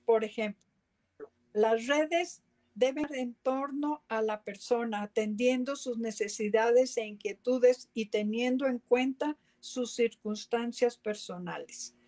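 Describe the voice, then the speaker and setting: A woman from Rica, a guest speaking in a measured, thoughtful way in a casual chat. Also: on the high side, darkish tone. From Costa Rica.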